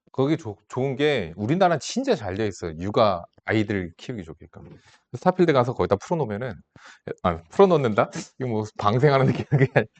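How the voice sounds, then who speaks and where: Brief: male math teacher in his 30s, casual and teasing with his class, pitch jumps around a lot. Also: darkish tone, muffled recording. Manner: casual, teasing, talks down to students like a big brother. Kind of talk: classroom lecture with side stories.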